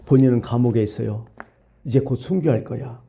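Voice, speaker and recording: Gravelly, dark-voiced male pastor preaching. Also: mid-range voice, fairly quick. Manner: storytelling with rhetorical questions. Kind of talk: sermon.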